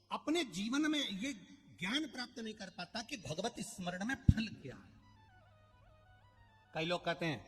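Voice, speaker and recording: With a high-pitched voice and a big-room sound, the storyteller carries on his devotional Shiva Purana katha before a large outdoor religious crowd. Stories, repetition and singing run through the sermon.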